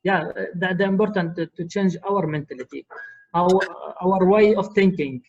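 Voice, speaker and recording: Guy in a class talking to the teacher, polite and halting, muffled lo-fi sound. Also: high-pitched. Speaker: course attendee. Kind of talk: spoken question and comment to a lecturer. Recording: dull, lo-fi remote-sounding audio.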